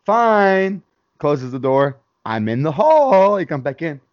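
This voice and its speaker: A man co-hosting a casual podcast chat about a sitcom episode, relaxed and laughing often, calling his friend "man" and "dude". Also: a little high, takes it slowly, dull audio, slight background noise. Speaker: podcast co-host.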